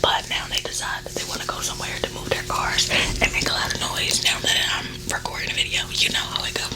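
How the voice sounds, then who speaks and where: A woman's voice: quick pace, over music, poor audio. A woman whispering a casual, confiding ASMR storytime in an informal, chatty way while chewing gum. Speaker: ASMR video creator.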